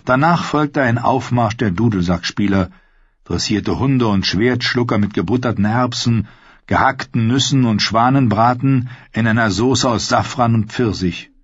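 A man reading an audiobook in a measured, unhurried way, with a husky voice. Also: mid-range voice, dry recording. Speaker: audiobook narrator. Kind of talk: scripted narration. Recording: dull, dry lo-fi audio.

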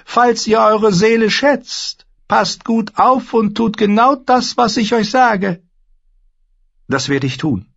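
A man voicing an eerie, ominous male warlock who gives slow, solemn warnings in a much higher voice. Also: creaky, a bit bright, highs cut off, exaggerated voice.

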